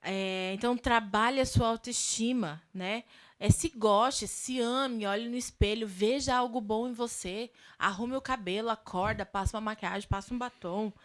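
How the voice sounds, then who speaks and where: Uma mulher de sotaque brasileiro apresentando uma live de oração da igreja e dando conselhos passo a passo. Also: female voice, a little high, steady tone, normal speed. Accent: Brazilian Portuguese. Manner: warm advice-giving, lists steps. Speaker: church live prayer host. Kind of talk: church talk giving advice.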